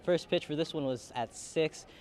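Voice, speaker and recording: Fairly high-voiced young man reporting live. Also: moderate pace, darkish tone, a little hiss or hum. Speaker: sports beat reporter. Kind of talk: live field report for TV news. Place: outdoors at a softball stadium.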